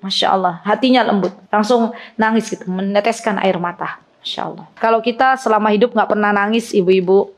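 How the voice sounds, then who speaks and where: A woman religious teacher giving a chatty study lecture to a group of women, speaking straight to them and reciting Arabic phrases. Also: medium pitch.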